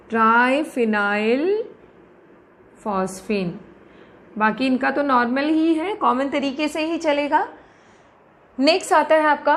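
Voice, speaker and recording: High-voiced woman teaching chemistry. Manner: asks questions and answers them herself, calls students "beta". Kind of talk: lecture.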